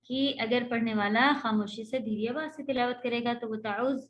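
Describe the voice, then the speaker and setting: A woman's voice: a little high, fairly even intonation. A woman Quran teacher giving a patient, explanatory religious lecture, slipping English words into her talk.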